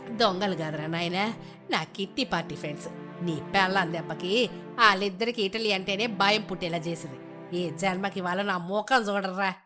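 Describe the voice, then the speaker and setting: A woman voicing a dramatic middle-aged mother-in-law who wails in despair, lower than her narrating voice. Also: normal speed, over music, natural voice. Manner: wailing, melodramatic.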